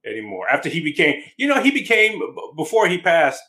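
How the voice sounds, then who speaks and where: A man in a casual chat, relaxed and reminiscing, with some swearing. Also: a little high, fairly quick.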